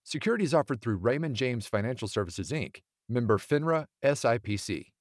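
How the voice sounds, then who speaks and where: Male announcer, mid pitch, lively intonation, scripted disclaimer read over plucked guitar. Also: a little fast. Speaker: podcast announcer. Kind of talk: scripted outro and legal disclaimer narration. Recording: music bed of plucked guitar. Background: guitar music.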